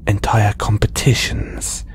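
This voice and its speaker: Here a man acts out an alien collector, male, possessive and condescending, who holds a human specimen, using intimate ASMR-style roleplay. The voice is breathy and whispery yet close to his everyday one, with a slight hiss or hum. Slow and coaxing, he sounds patronising throughout.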